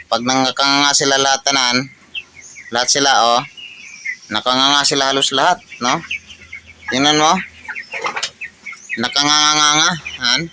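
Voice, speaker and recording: A man giving a casual farm walkthrough, pointing at things and circling back to the same points. His voice sits at a middle pitch. Clucking chickens and farm noise come through clearly behind him. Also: fairly even intonation, normal speed, pauses often. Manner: repetitive, pointing things out, many fillers and tag questions. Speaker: poultry farm vlogger.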